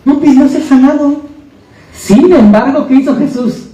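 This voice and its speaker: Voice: sits high, unhurried, mellow. A preacher delivering an earnest sermon in a church, speaking straight to the listeners and asking rhetorical questions. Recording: echoey church hall from far off, faint noise.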